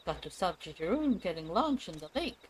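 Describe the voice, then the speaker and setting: A man doing a tiny, frantic fantasy beastman, squeaking far above his own voice. The words tumble out in broken, tongue-twisting bursts. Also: very animated, brisk, slight background noise.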